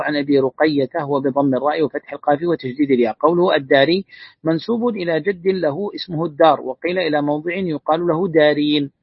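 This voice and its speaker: Male sheikh, quick husky delivery, reads a text aloud and glosses it, dull dry lo-fi recording. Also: a little high, no room sound. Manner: reads a classical text aloud, then adds brief plain remarks. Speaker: sheikh teaching hadith. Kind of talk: religious lesson reading and explaining a text.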